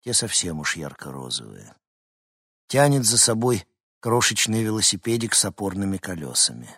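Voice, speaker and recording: A man narrating a novel as an audiobook in a measured, tense storytelling manner. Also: low-pitched, sing-song, a bit bright, slightly rough, no echo, clean studio sound. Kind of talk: scripted narration.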